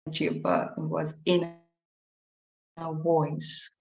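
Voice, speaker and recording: A woman presenting an online workshop over a video call whose connection keeps breaking up, speaking slowly and reflectively. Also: deep voice, sing-song, vocal fry, darkish tone. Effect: choppy video call with breaking up.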